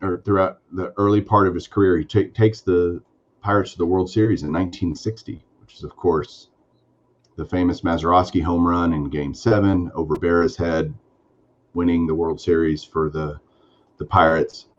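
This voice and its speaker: This co-host of a sports card podcast is a man with a low voice, steady tone, and moderate pace, recorded with the highs cut off. His talk is casual and enthusiastic, rambling and full of fillers.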